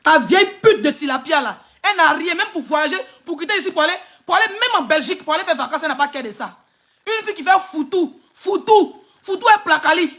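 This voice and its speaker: A woman's voice: extremely high pitch, expressive, quick pace, fairly bright tone. A woman with an Ivorian French accent on a phone live stream, hurling insults and mocking laughter in an angry rant.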